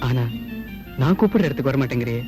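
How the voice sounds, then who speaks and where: A man's voice: mid-range voice, lively intonation, fast talker, mellow, soft background music, close to an everyday voice. A young actor playing a hero who coaxes his sweetheart tenderly, in a Tamil film. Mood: coaxing. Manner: tender, coaxing. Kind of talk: 1980s Tamil film acting.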